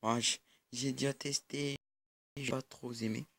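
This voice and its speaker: In a dry recording, a young gaming YouTuber gives casual mobile-game commentary over footage of his screen, using a gravelly, slightly bright mid-range voice at a measured pace with a steady tone. He's hesitant, stopping to restart and dropping in many fillers.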